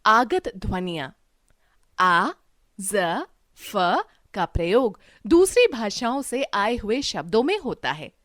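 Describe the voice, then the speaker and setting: A woman's voice: mid-range voice, very animated, takes it slowly, a bit bright, no echo, clean studio sound. A woman teacher narrating a scripted lesson, reading out letters and words one at a time with careful stress.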